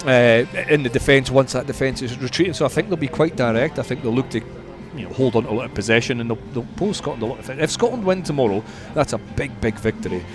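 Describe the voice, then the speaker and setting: Over music, a man with a medium-pitched voice gives animated yet measured sports commentary as a radio guest, repeating words for emphasis in a conversational style.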